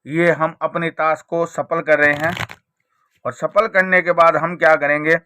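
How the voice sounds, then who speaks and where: A man's voice: on the high side, flat delivery, unhurried, bright, forceful tone. A man presenting a card trick tutorial, explaining it step by step with repeated rhetorical questions. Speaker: magic trick teacher and presenter.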